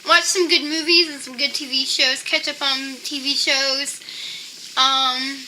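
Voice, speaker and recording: A woman's voice: sits high, level tone, measured pace, pushed and bright, slight background noise, low-quality recording. A young adult woman giving tips in a casual, chatty monologue, peppering her sentences with "like". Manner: chatty, with frequent "like". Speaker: vlogger sharing personal tips.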